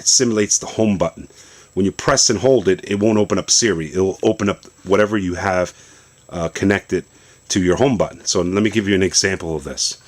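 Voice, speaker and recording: In his home basement, a low-voiced tech vlogger gives a casual demo of his phone setup. He's relaxed and explanatory, rambling a bit as he goes.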